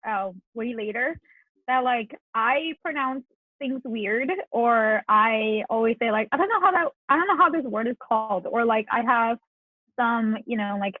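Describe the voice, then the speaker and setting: A South Korean woman in her twenties, speaking with a Korean accent, chats casually as a guest on a podcast. Her voice is a little high and her speed normal, heard over a tinny, phone-like line with a dry sound.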